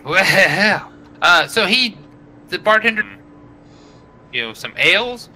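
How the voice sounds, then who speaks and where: Man, game master, bright voice, lively pitch, slow rambling narration. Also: a little hiss or hum, low-quality recording. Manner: rambling, many fillers, voices innkeeper and villagers. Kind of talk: narrating a tabletop game on a live stream.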